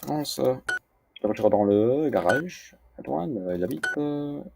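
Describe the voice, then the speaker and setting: In a clearly noisy home recording, a language-learning series host remarks casually on the lessons on screen, mumbling his thoughts as asides. His mid-range voice is expressive and a little slow.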